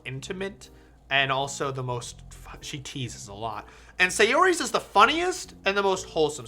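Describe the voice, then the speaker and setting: Animated, bright-voiced gaming streamer over music. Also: mid-range voice. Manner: animated, profane, rambling and self-interrupting. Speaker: gaming streamer reading a visual novel aloud. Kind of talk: casual, chatty game commentary.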